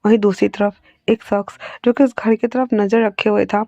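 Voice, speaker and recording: A woman's voice: medium pitch, fairly even intonation, moderate pace, gravelly, dark tone, no room sound, muffled recording. A woman telling a story in a casual, chatty way, with fillers and asides to the listener.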